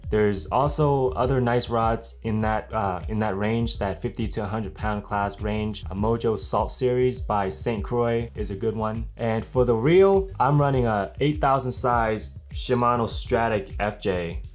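A relaxed young man with a lowish voice talks easily straight to the camera, chatty and informal. He speaks from a small indoor room into a camera-mounted mic, with faint music playing underneath. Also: a little slow, few pauses. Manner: laid-back, chatty, says "man" a lot. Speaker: fishing vlogger. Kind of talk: casual gear talk to camera. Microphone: camera-mounted shotgun mic.

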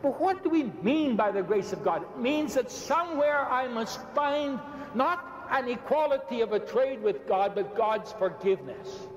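An older Irish bishop, animated and very high-pitched, speaks at normal speed with few pauses during a public debate in a large indoor arena. Preaching emphatically to the crowd, he repeats and builds phrases and gestures while moving about, frequently leaving the podium microphone; the recording is echoey with long reverb and slight background noise.

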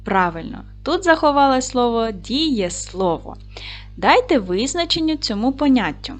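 Lively-voiced woman teaching young children. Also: fairly high pitch, soft background music. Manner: clear, slow, encouraging classroom delivery. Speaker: primary school teacher. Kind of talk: video lesson for young children.

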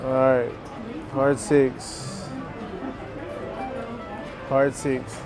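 A man's voice: medium pitch, completely flat delivery, drawn-out words. A man chatting casually as he plays craps, repeating short rooting phrases and counting chips aloud. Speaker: craps player. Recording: music behind the voice.

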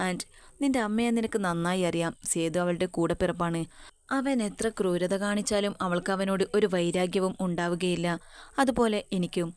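A woman voicing a calm middle-aged father who reasons gently with his son in a spoken story. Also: high-pitched, normal speed, clear, resonant tone, natural voice. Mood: persuading.

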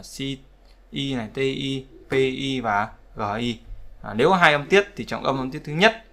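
Man, teacher, gravelly voice, bright tone, repetitive, conversational. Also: medium pitch. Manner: repetitive, conversational, checks with "đúng không?". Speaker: English pronunciation teacher. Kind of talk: explaining word stress in a lesson.

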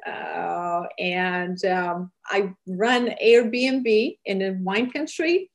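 A middle-aged woman from Serbia, a charity founder, speaking earnestly with many fillers and slightly phrasing in an interview over a webcam call from a small room. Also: medium pitch. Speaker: charity founder and cooking show host. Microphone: webcam on a video call.

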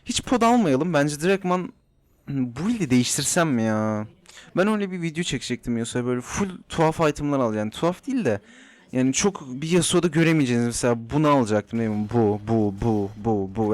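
A man's voice: mid-range voice, lively intonation, fast talker. A young man giving casual commentary while playing a game, chatty and teasing his opponents, talking to himself at times. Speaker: gaming YouTuber. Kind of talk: live gameplay commentary.

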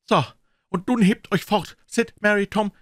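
Brief: a fervent old aunt in a storybook reading, very high voice, dry sound. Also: male voice, steady tone, measured pace, no room sound. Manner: fervent, exclaiming, invoking God. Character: pious, emotional elderly aunt.

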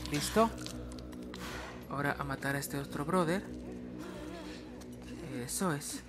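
A young Mexican man doing let's-play commentary, muttering hushed self-coaching through stealth with sudden loud outbursts. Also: a little high, slow, over loud music. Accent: Mexican Spanish. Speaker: gaming streamer.

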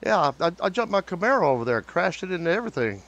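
Fast-talking man in game role-play. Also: sits high, sing-song, a bit bright, lo-fi sound. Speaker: channel host in role-play.

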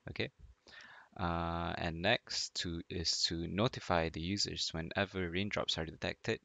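A man's voice: low-pitched, steady tone, measured pace, gravelly, pushed and bright, dry recording. A young man from Malaysia presenting a student class project, hesitant and apologetic with many fillers. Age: young adult. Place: home desk, indoors.

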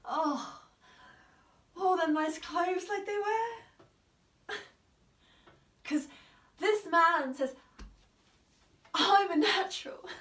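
Girl doing a giggly dreamy young ranch wife, high voice, echoey room far from the mic. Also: extremely slow, pauses often, fairly bright tone, exaggerated voice. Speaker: drama school auditionee. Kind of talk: audition monologue. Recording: roomy, from far off.

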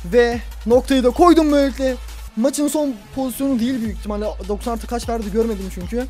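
A young man commentating his own football video game play, talking to himself and the players and yelling at big moments. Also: very high-pitched, quick pace, faint music behind. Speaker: gaming YouTuber.

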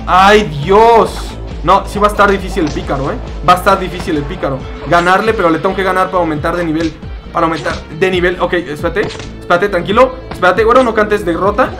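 A young man with a Mexican accent giving excitable, jokey commentary while he plays a fighting game. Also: high-pitched, fast, over music. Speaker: gaming YouTuber. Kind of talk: gameplay commentary.

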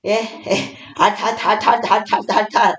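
A woman's voice: mid-range voice, steady tone, measured pace, highs cut off. An older woman, a grandmother, casually leading home exercises, counting aloud and chatting to a small child. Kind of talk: casual spoken instruction with counting. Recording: echoey room with faint noise.

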